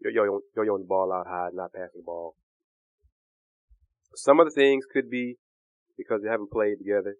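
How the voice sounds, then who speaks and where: A man hosting a casual sports podcast, hoarse with a cough, talking in a joking, laid-back way. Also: fairly low pitch, normal speed, pauses often, no echo, muffled recording. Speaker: podcast host.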